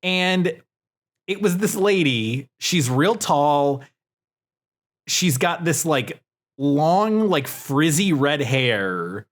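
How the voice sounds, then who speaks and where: A man's voice: fairly high pitch, big pitch swings, drawn-out words. A man co-hosting a podcast, telling stories in casual chat, rambling and profane with lots of fillers. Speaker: podcast co-host.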